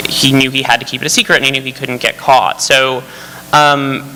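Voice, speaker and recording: A man's voice: mid-range voice, little pitch movement, brisk, sharp tone. A man speaking as a screenwriter on a festival panel, eager and rambling, with many fillers and restarts. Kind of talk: panel discussion. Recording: hall reverb, faint hum.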